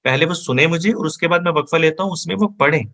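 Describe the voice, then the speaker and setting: A man teaching an online Quran memorization lesson, who explains pronunciation step by step and then recites each verse in a slow, drawn-out chant. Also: a little high, fairly bright tone.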